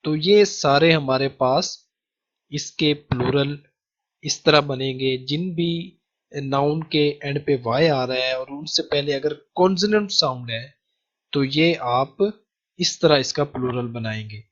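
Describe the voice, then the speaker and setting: A man teaching a grammar lecture with a Pakistani Urdu accent, patiently repeating key rules slowly. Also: fairly high pitch, a bit bright. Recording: dull lo-fi sound.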